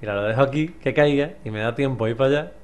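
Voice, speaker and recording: A young man with an accent from Spain, commentating a puzzle game as he plays, muttering, swearing and now and then yelling in frustration. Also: medium pitch, racing. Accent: Spanish from Spain. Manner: swears a lot, mutters to himself, bursts into frustrated yells. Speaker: gameplay commentator. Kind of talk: let's play commentary.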